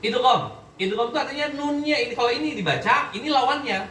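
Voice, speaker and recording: A man's extremely high, pushed and bright voice moves at a quick pace as he teaches students Quran recitation in class. He keeps quizzing them and checking they understand. Faint background noise and room echo surround his distant voice.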